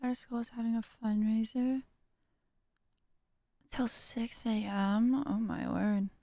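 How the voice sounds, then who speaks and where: Tired, gravelly-voiced young woman streamer. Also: a little high, steady tone, no room sound. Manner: slow, soft-spoken, trailing off with small laughs. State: tired, low on energy. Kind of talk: casual chat while drawing on stream.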